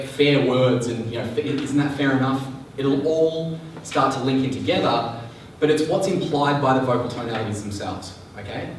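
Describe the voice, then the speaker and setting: A man's voice: mid-range voice, slight background noise. A male sales trainer teaching a live seminar, chatty and often checking that the audience is following. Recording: echoey room, mic far off.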